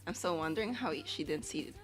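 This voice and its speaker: Quick and expressive, a low-voiced woman chats casually while drawing on a livestream. She rambles along and reads her viewers' questions out loud.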